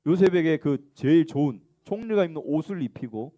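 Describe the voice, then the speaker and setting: A man's voice: fairly quick, muffled recording. A man preaching a children's sermon in a church, leading the group in reading aloud together. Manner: lively, acts out the elder son's complaints in a high whiny voice; leads call-and-response reading. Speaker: children's pastor. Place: church sanctuary.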